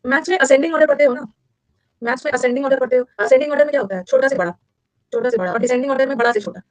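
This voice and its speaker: Chatting quickly through a live online vocabulary lesson, this competitive-exam English teacher, an Indian woman, moves between Hindi and English as she explains words. She has a high voice, heard with no room sound in low-quality audio.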